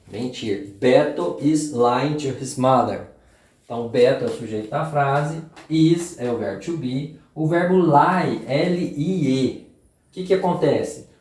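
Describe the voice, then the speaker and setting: A man's voice: on the high side, a little mellow, roomy sound. A man from Brazil teaching an exam review lesson, explaining step by step and checking in often with his students. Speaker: English teacher.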